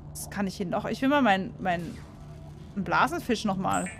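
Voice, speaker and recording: A woman commentating a video game in casual, excitable chat and talking to her community. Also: medium pitch, normal speed, gravelly. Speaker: gaming YouTuber. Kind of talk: casual let's play commentary. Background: game music.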